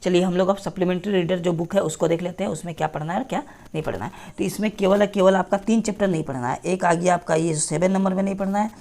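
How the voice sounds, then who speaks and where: A woman's voice: on the low side, quick pace, creaky, hardly any pauses, warm tone. Woman teacher reading a syllabus aloud. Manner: repetitive, checks in with "theek hai". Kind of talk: screen-share syllabus walkthrough.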